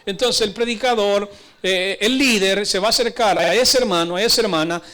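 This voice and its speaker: A man's voice: high-pitched, normal speed, bright, forceful tone. A man preaching a sermon, emphatic and exhorting, often asking the congregation questions.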